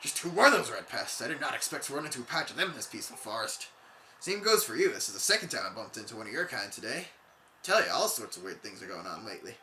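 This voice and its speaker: A let's player voicing an excitable male rock creature, with a laid-back surfer drawl and a bit of hillbilly twang, who keeps calling the listener "bud.". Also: mid-range voice, fast talker, reverberant, slight background noise.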